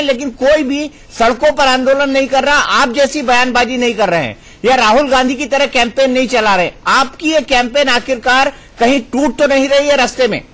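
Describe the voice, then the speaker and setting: A man's voice: very high voice, a bit bright. A man anchoring a televised debate who puts pointed, probing questions to his guests. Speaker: news anchor. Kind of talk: moderating a TV debate.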